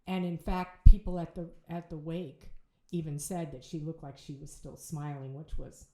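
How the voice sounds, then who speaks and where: A middle-aged woman, telling a personal story as a podcast guest in a halting way, with restarts and repeated words. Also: sits low, steady tone, dark tone. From Ohio, United States. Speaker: bereaved mother, podcast guest. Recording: roomy echo.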